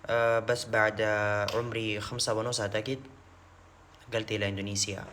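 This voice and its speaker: A man's voice: lowish voice, flat delivery, very fast, fairly bright tone, slight background noise. A young man from Mecca chatting casually on a live stream, answering viewers' questions and switching between languages. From Mecca, Saudi Arabia.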